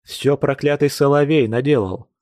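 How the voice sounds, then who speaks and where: A man's voice: mid-range voice, moderate pace, darkish tone, no room sound, clean studio sound, close to an everyday voice. A man reading an audiobook, voicing an impulsive, eager young man who pleads his case. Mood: pleading.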